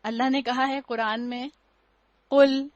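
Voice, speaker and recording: Woman, religious teacher, explanatory lecture, raised pitch, dry close sound. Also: steady tone, no echo, lo-fi sound. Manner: explanatory, uses rhetorical questions and humor; mixes in English words. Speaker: Quran teacher.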